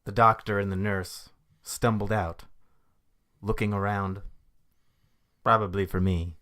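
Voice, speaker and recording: A man co-hosting a comedy podcast, narrating an improvised story in a deadpan way. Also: lowish voice, unhurried.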